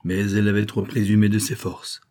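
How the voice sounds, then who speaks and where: A man narrating an old serial novel as an audiobook, in a theatrical, lively storytelling manner. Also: lowish voice, brisk.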